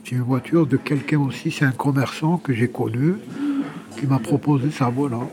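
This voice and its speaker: The background is noisy as a man in his 60s speaks at normal speed in a medium-pitched voice with fairly even intonation. An exiled Algerian journalist of Kabyle origin, homeless and being interviewed, he offers personal testimony. His language is casual, and he repeats words while searching for what to say.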